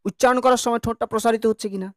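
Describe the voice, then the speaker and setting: A man's voice: extremely high pitch, steady tone, racing, no room sound, clean studio sound. A man teaching an online grammar class, chatty and joking as he drills vowel sounds with his students.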